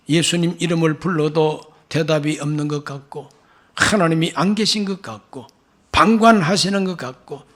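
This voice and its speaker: A man's voice: a little high, fairly bright tone. A man preaching a Sunday sermon as pastor, reading scripture and pressing rhetorical questions with emphasis. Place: church sanctuary.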